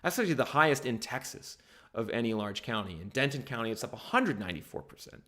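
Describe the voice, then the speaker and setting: Animated man walking through housing data. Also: medium pitch, fast talker. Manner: animated, reading viewer requests. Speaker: housing market analyst hosting a livestream. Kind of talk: live-stream data walkthrough.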